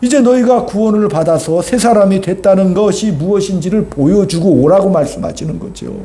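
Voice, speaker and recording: A man's voice: sits high, expressive, a little fast, mellow, a little hiss or hum. A pastor preaching a sermon to his congregation, emphatic and checking in with them through rhetorical questions.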